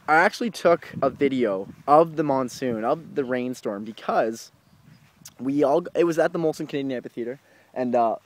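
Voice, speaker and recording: A young man co-hosting a casual vlog, telling a rambling, excitable story. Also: medium pitch, a little hiss or hum. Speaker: co-host.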